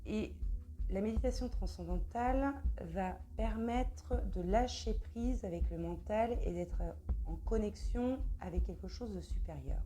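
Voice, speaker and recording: A woman guiding a meditation, speaking softly and close to the ear. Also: medium pitch, unhurried. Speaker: meditation guide. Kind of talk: spoken introduction to a guided meditation.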